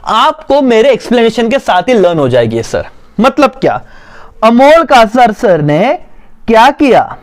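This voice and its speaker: A man teaching a commerce exam-prep lesson, who dictates slowly and then explains quickly. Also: extremely high pitch, big pitch swings.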